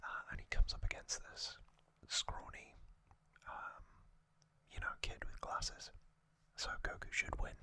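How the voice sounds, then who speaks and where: Unhurried and apparently unscripted, an ASMR host explains something in a breathy, unvoiced whisper, stopping often along the way. Their whisper sounds pushed and bright.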